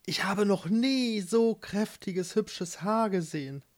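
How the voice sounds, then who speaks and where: Narrator doing a dreamy eager young prince, earnest, slow and a bit higher. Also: close to an everyday voice.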